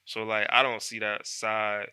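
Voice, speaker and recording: A man in his twenties from Columbus, Ohio, a college football player answering questions in an easygoing, soft-spoken way with many fillers. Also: fairly low pitch, little pitch movement, unhurried, smooth, no echo. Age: 20s. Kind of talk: casual interview chat.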